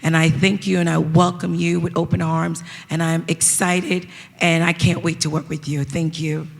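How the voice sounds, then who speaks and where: A middle-aged woman makes a public comment with a hoarse, worn-out voice. Her pitch stays fairly even as she speaks haltingly and earnestly. The large room adds long reverb. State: hoarse, has lost their voice. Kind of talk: public comment speech at a meeting. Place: large indoor meeting room. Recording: echoey meeting hall with long reverb.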